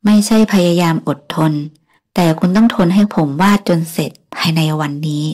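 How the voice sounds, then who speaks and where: A woman's voice: on the low side, moderate pace, a little mellow, natural voice. A woman voicing a stern, impatient young French painter who speaks firmly and insistently. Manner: firm, clipped and insistent.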